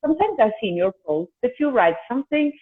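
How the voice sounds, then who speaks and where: Fast and very animated, this Italian woman, a host and singer, chats on a casual video call in a voice on the high side, frequently starting her sentences over. The call audio sounds tinny, like a phone.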